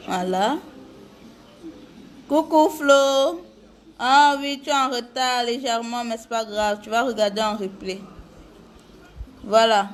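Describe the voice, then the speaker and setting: A woman's voice: a little high, moderate pace, slight background noise. A woman chatting casually with viewers during a live makeup tutorial, greeting them by name.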